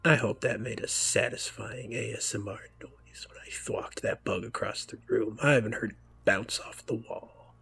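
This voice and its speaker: A man giving game commentary in hushed, wry asides. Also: on the low side, steady tone, normal speed, vocal fry, hardly any pauses, a little hiss or hum. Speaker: let's-play commentator.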